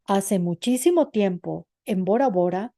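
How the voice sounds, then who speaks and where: Woman doing old wise elder man, grave, explaining, mellow voice, dry sound. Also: mid-range voice, lively intonation, a little slow, no echo.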